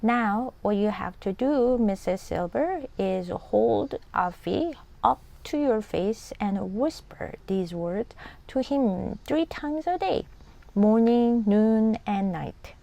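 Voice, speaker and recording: A Korean-native woman reading a storybook aloud, voicing a shy, hopeful older man who coaxes slowly and deliberately. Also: sits high, lively intonation, vocal fry, heavily acted. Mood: coaxing. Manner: gently coaxing, slow and deliberate.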